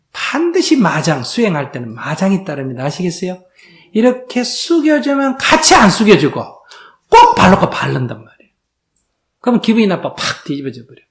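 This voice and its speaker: Speaking in a high-pitched voice, a Buddhist monk leads a Q&A dharma talk in a lecture hall. He asks his audience rhetorical questions and performs the dialogue he quotes.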